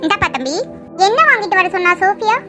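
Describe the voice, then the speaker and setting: A woman voicing a gentle, hospitable middle-aged mother in an animated cartoon drama, talking in a welcoming way. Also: very high voice, fast, over music. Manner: welcoming, homely.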